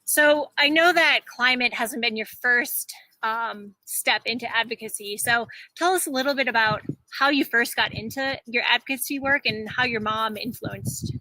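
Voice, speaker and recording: A woman hosting an interview, asking friendly, measured questions. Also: a little high, pushed and bright, dry recording, low-quality recording. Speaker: host.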